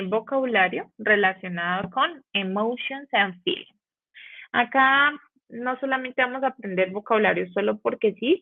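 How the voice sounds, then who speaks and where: A woman with a Colombian Spanish accent teaches English grammar, her voice carrying a gravelly fry. She slows down to model each phrase and asks the class questions. The sound is thin and phone-like. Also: mid-range voice. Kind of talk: online grammar lesson. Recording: phone-like narrow band.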